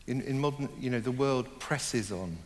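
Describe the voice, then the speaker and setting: A middle-aged novelist, born in Germany and raised in Hong Kong, speaks at normal speed in a medium-pitched voice during a reflective interview. Thoughtful and hesitant, he works through ideas with many fillers and restarts; there's a long reverb tail and slight background noise.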